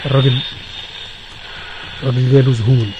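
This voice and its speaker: A man with an Egyptian accent narrating a horror story in a lively way, stumbling over repeated words. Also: mid-range voice, fairly quick, highs cut off, over loud music. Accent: Egyptian Arabic.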